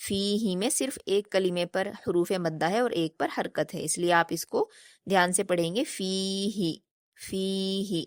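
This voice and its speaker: A woman's voice: on the low side, dry recording. Patient woman teaching recitation, dry sound. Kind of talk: online recitation lesson.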